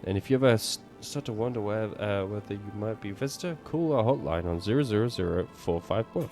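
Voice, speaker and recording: A man's voice: fairly low pitch, expressive, fast talker, darkish tone, faint music behind. A man reading a male emergency-agency broadcast announcer in a horror game, delivering upbeat propaganda.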